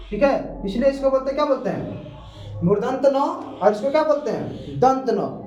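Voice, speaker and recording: A man's voice: very high-pitched, a little mellow. A man teaching a grammar lesson, patiently repeating points and asking questions he then answers himself. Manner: repetitive, patient explaining. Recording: echoey room, far from the mic.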